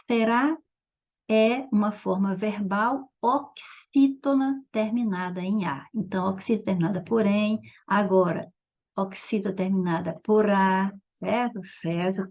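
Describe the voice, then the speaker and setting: Slow, emphatic woman teacher. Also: medium pitch, a little mellow, muffled recording. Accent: Brazilian Portuguese. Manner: slow, emphatic, stretches key words. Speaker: Portuguese teacher. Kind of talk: exam-prep grammar lesson.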